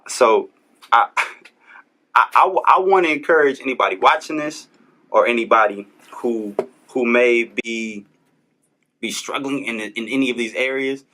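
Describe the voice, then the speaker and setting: A man's voice: medium pitch, measured pace, pauses often, pushed and bright. A young man hosting a podcast, talking in an earnest, preachy way and restarting his words often. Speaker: podcast host. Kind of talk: casual motivational talk. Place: Los Angeles.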